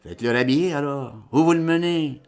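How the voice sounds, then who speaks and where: A man's voice: a little high, fairly quick, a little mellow, clear, resonant tone, soft background music, pitched above the performer's own voice, natural voice. A man reading aloud voices a brusque policeman firing off curt demanding questions.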